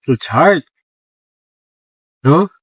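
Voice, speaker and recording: A tearful man riding as a passenger, soft-spoken and emotional in a casual conversation. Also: a little high, animated, extremely slow, breathy edge, no echo, recorded from a distance, muffled recording. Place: inside a car on a trip.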